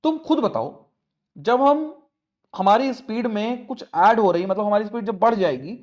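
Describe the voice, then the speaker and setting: A man's voice: high voice, dull audio. A male maths teacher explaining a lesson step by step, coaxing his students and asking them questions. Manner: coaxing, asks students questions, repeats points.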